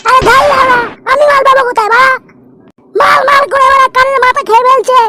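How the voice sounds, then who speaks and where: A very high, pitched-up young cartoon sidekick voiced by a man with a West Bengal accent. He sounds put-upon and plaintive, always complaining. Clear noise runs behind him. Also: a little fast, fairly bright tone. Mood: exasperated. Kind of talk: comic cartoon dialogue.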